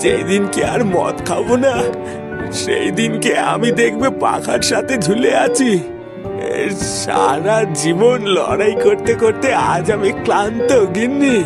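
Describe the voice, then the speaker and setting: A man's voice: very high-pitched, big pitch swings, fast talker. A man doing a drawling, weary old cartoon grandpa. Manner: drawling, coaxing. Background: background music.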